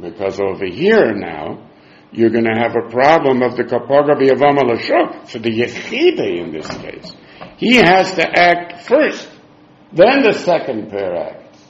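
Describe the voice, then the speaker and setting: A man's voice: mid-range voice, huge pitch swings, unhurried. A man with giving an informal religious text lesson, reasoning aloud in a sing-song way as he asks and answers his own questions. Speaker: Talmud teacher. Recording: dull, echoey room recording.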